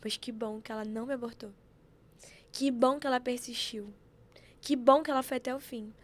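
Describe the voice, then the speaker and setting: A woman telling stories in an animated, preachy way, acting out quotes as she chats on a podcast. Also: on the high side, normal speed. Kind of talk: casual chat.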